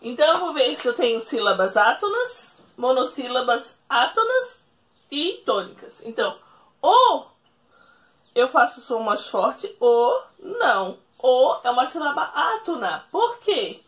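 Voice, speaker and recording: A woman teacher explaining a lesson at a whiteboard, speaking slowly, repeating each rule and checking in with the class. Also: high voice, very animated, a bit bright. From Brazil. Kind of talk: recorded remote classroom lesson.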